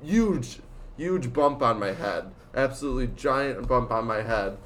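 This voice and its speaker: A man's voice: mid-range voice, lively intonation, measured pace, a bit bright, a little hiss or hum. A teenage boy in casual chat, rambling through a story with lots of fillers and laughs. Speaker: student storyteller.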